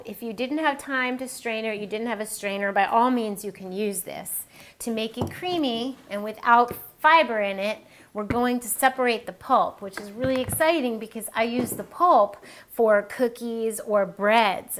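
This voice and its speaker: A woman's voice: a little high, a bit bright, slight background noise. A woman hosting a cooking demonstration, chatting and explaining each step as she works. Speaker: cooking show host. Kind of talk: casual recipe demonstration.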